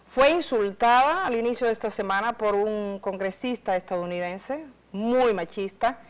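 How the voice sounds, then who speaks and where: A woman's voice: fairly high pitch, poor audio. A middle-aged woman, giving conversational news commentary in a TV studio, thinking aloud with frequent restarts. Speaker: news presenter.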